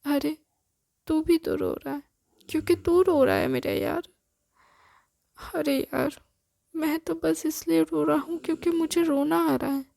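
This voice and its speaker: A woman's voice: high-pitched, steady tone, unhurried, creaky, pauses often, mellow, no room sound, clean studio sound, voice pushed up, full character voice. A woman voicing a young man who rambles in playful, teary banter with his friends in a spoken story. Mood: teary, joking.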